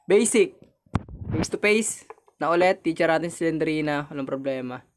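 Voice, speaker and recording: A man's voice: a little high, normal speed, noisy background. A young man with a Filipino accent giving casual commentary while playing a horror game, chatting with viewers and yelping when startled.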